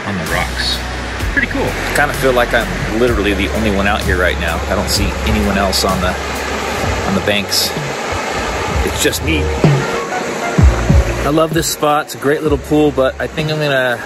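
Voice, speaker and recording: A man's voice: mid-range voice, normal speed, long pauses. A man in his fifties casually vlogging about a day of trout fishing, talking easily and joking at his own expense, filmed on a phone held at arm's length. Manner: easygoing, chatty, self-deprecating. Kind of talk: casual vlog narration. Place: outdoors by a river and in a truck. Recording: audio a bit blown out, music under.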